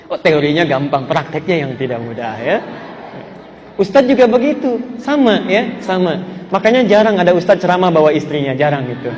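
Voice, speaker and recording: A man's voice: fairly high pitch, very animated, fairly quick, darkish tone, big-room sound, slight background noise. A man preaching on married life, telling a story and putting questions to his listeners. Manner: storytelling, asks the audience questions. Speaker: Islamic preacher. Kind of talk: sermon on married life with stories.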